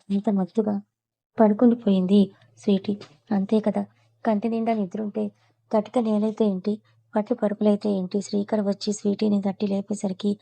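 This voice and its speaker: A woman telling an audiobook serial in a steady storytelling manner. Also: medium pitch, gravelly. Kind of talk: audiobook narration of a serial novel.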